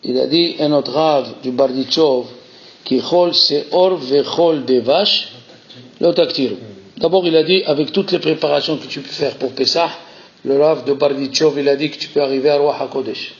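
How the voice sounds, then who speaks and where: A man giving a Torah lesson as a rabbi, animated, repeating key phrases and weaving Hebrew terms into his French. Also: on the high side, moderate pace. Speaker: rabbi teaching a class. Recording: muffled lo-fi recording.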